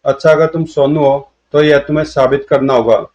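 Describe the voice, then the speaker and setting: A stern, skeptical father who interrogates the old man, voiced by a male storyteller. He speaks in an even, slightly high voice with little rise and fall. The audio is dull and lo-fi. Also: normal speed, close to an everyday voice. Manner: stern, questioning. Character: stern, puzzled father, a middle-aged barrister.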